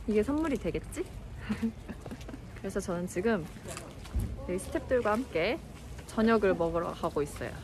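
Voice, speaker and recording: A woman's voice: mid-range voice, expressive, moderate pace, long pauses. A young woman chatting casually to her own camera through a face mask, laughing now and then between lines. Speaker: vlogger. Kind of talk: casual vlog narration. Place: outdoors, on the way to dinner. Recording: noisy outdoor vlog recording.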